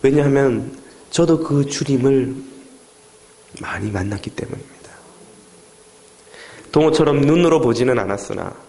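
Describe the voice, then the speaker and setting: Gravelly-voiced pastor telling a story. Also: male voice, mid-range voice, moderate pace, long pauses, mellow, a little hiss or hum. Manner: dramatic storytelling that acts out the quoted voices. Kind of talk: sermon.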